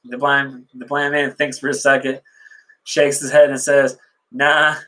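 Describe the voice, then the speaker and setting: A man's voice: mid-range voice, level tone, moderate pace, fairly bright tone. A man hosting a casual solo podcast, crude and profane, laughing often as he tells stories and jokes. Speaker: podcast host. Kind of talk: casual solo chat and joke-telling.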